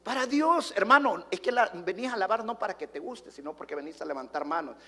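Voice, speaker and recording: A man's voice: high-pitched, animated, fast talker, pushed and bright, in a large hall, a little hiss or hum. A man preaching a sermon as pastor, emphatic, asking rhetorical questions and acting out the people in his stories. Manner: acts out quoted dialogue in joke stories.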